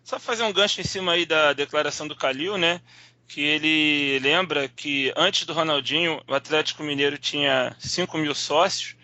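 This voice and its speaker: Higher-voiced, bright chatty man. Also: normal speed, dry recording. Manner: talkative, chuckles often. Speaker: podcast panelist. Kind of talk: casual football chat. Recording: dull lo-fi sound.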